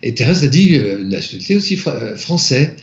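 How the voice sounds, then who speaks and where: A man from France, an interview guest, softly recounting a personal spiritual experience, halting and searching for his words. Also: mid-range voice, sing-song, gravelly. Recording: echoey, slightly dull room recording.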